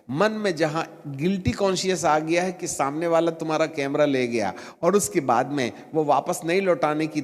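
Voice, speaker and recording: Middle-aged bishop, story sermon, animated, acts out voices, long hall echo. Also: male voice, on the high side. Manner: animated, acts out voices in his story, rising to emphatic peaks. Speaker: bishop preaching.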